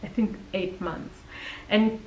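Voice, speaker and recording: A woman's voice: mid-range voice, steady tone, takes it slowly, reverberant, distant mic, lo-fi sound, a little hiss or hum. A woman with a Kenyan accent, chatting directly to viewers and giving practical advice in a casual vlog. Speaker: vlogger. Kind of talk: casual advice talk to camera.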